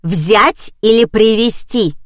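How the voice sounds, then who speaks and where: A woman voicing a rude, loud middle-aged morgue receptionist who barks at callers. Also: medium pitch, slow, no echo, studio quality, close to an everyday voice. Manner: barking, rude.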